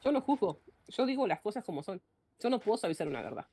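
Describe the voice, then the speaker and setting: A woman's voice: mid-range voice, big pitch swings, quick pace, creaky, warm tone, husky. A woman streamer with an Argentine Spanish accent, ranting bluntly in casual live-stream chat and often cutting herself off mid-sentence. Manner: blunt, ranting, frequent self-interruptions.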